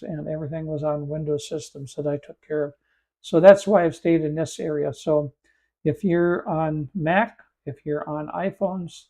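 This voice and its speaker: Man, 50s, froggy allergy voice, mellow dark timbre, conversational tutorial narration, fillers and restarts. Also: a little high. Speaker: host and AI instructor. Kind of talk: screen-share tutorial narration.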